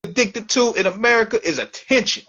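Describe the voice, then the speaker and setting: A man's voice: high voice, brisk, sharp tone, muffled recording. A man hosting a casual talk show, with loose, slangy talk that keeps repeating and restarting. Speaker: show host. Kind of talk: casual chat.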